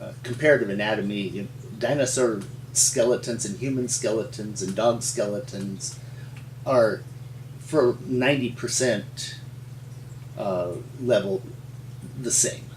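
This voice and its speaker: A Montana man who works as a resident paleontologist tells rambling, folksy stories in an interview, chuckling as he goes. His voice is lowish and his pace measured. The room is echoey, the mic sits at a distance, and there's slight background noise.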